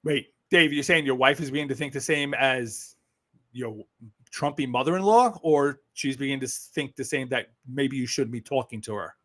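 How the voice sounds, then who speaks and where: A Brooklyn political livestream host with a New York accent chats casually in a medium-pitched, fairly bright voice at normal speed. He's blunt and sarcastic, swears freely and laughs often.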